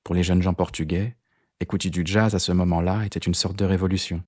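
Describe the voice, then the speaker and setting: A man reading the part of a determined, grey-haired woman jazz saxophonist in an audiobook, calm and direct. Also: low-pitched, a little fast, no echo, clean studio sound. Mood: reminiscing. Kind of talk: audiobook character voice.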